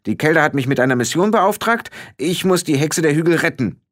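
A man's voice: fairly high pitch, animated, brisk, pitched above the performer's own voice, lightly acted. Man doing a tiny brawling fairy man. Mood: defiant. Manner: loud, defiant, blustering. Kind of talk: audiobook character voice.

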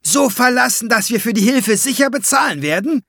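A man's voice: very high voice, animated, brisk, creaky, no echo, studio quality, pitched above the performer's own voice, heavily acted. A man voicing a fierce, grieving young woman who snaps sharply, in an audiobook. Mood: fierce anger. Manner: sharp, snapping.

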